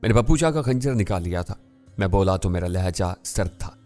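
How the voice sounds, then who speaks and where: A man narrating a first-person thriller audiobook in a steady, measured way. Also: sits low. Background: faint music.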